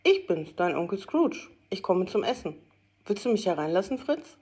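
A woman's voice: mid-range voice, big pitch swings, normal speed, darkish tone, natural voice. A woman voicing an elderly male merchant, mock-stern with his clerk and then earnest and hearty, in a storybook reading. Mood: mock-gruff.

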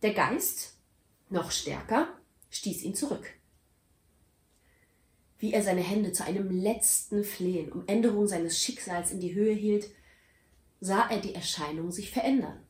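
A woman narrating a story aloud with a dramatic, expressive reading. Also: mid-range voice, measured pace, long pauses. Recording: roomy echo.

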